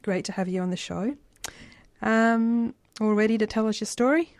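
A woman's voice: on the high side, normal speed, darkish tone, no room sound. Woman hosting a radio show. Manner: friendly, scripted intro then easy chat. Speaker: radio host.

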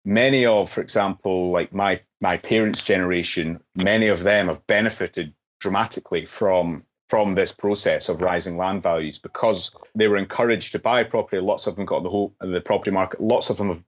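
Interview guest: Scottish man, deep register, earnest explainer with halting phrasing, slightly muffled sound. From Scotland. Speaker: interview guest, economics researcher. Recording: dull, muffled lo-fi audio.

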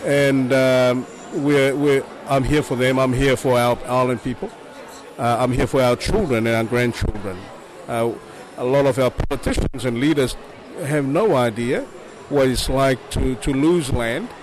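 An older man from Niue speaks earnestly at an outdoor rally. His middle-pitched voice often pauses on fillers as he searches for words. A busy crowd murmurs all around him. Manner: halting, earnest, many fillers.

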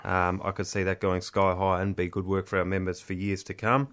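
A man's voice: low-pitched, monotone, fairly quick, fairly bright tone. An Australian man chatting casually in a matey, colloquial tradesman's way, like a union rep on a podcast. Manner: blokey Aussie tradesman talk, matey and colloquial. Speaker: union representative, podcast host. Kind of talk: casual chat.

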